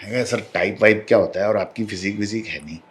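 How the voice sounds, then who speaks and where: A film director, appearing as an interview guest, speaks candidly in a fairly low, fairly bright voice at a quick pace, with a roomy sound to the recording. He is blunt and combative, mixing English phrases into his Hindi.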